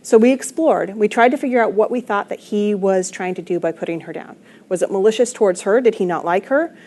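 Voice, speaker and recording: A woman's voice: mid-range voice, brisk, darkish tone. A woman wellness coach giving an online presentation in an earnest, emphatic teaching tone, speaking into a computer microphone.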